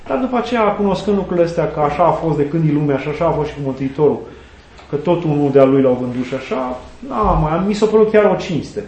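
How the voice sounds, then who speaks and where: A middle-aged man, an Orthodox priest, talks earnestly and animatedly, weaving in sayings and the lives of saints. His voice sits slightly high, and the room gives it a strong echo with faint noise behind it. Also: animated, darkish tone. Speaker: Orthodox priest and student chaplain. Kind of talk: conversational interview, reflective storytelling. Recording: echoey room.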